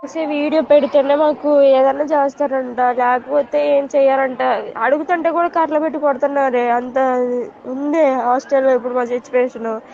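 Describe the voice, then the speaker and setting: A young woman, a hostel student on a phone call, frightened and close to tears, pleading and rushing through anxious reports. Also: high voice, fairly even intonation, vocal fry. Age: young adult. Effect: heard over a phone call. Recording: muffled phone line with faint background noise.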